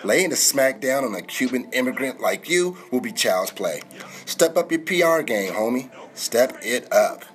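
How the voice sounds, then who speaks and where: A man's voice: medium pitch, lively intonation, moderate pace. A man hosting a podcast, reading a scripted comedic sports news monologue in a slangy, wisecracking way. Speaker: podcast host. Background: music bed.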